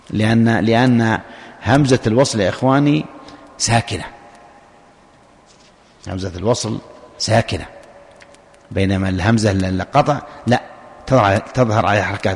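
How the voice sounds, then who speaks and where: A man teaching a religious lesson, explaining a text step by step, repeating key points and asking and answering his own questions. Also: fairly low pitch. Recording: long hall reverb.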